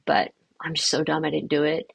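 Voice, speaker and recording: Speaking a little fast in a low, gravelly voice with a breathy edge and completely flat delivery, a young woman hosts a livestream on a dry recording. Her first language is Vietnamese, and she chats with viewers in a casual, upbeat way, filling in with many fillers.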